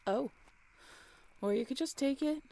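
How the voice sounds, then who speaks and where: A woman voices a cheerful, loving young character for an intimate roleplay audio drama, teasing and expressive in her playful delivery. She speaks high-pitched at a measured pace.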